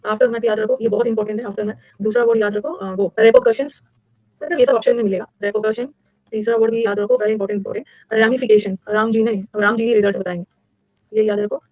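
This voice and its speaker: A woman teacher running a lively classroom lecture, drilling vocabulary with repetition and mnemonics. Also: fairly quick, no echo. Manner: energetic, repetitive, with sudden high-pitched emphasis. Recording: dull lo-fi dry recording.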